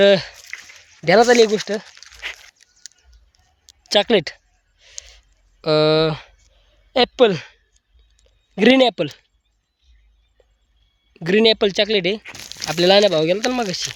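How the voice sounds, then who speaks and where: High-voiced man with a cold. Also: slow, long pauses, slight background noise. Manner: chatty, rambling, repeats himself. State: has a cold. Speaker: vlogger. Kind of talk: casual farm vlog chat. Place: outdoors in a farm field.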